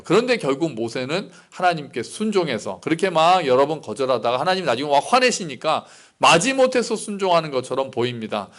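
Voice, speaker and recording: A man's voice: on the high side, a bit bright. A male pastor giving a sermon in a conversational, explanatory way, often asking rhetorical questions.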